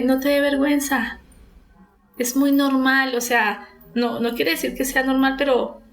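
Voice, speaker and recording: A woman's voice: a little high, rough recording. A woman therapist, telling about a therapy case and retelling its dialogue, with many fillers and restarts.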